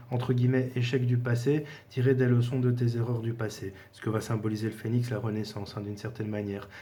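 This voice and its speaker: A man with a mellow, mid-range voice gives a casual spoken tarot lesson. As a tarot teacher, he speaks conversationally and informally to the viewer, hesitating often and using many fillers.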